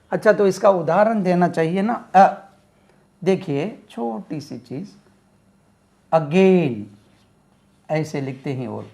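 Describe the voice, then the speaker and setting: Male tutor; unhurried, patient step-by-step explanations, higher-pitched voice. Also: a little mellow. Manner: explains step by step, repeats words slowly to model pronunciation. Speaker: English teacher. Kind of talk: classroom explanation.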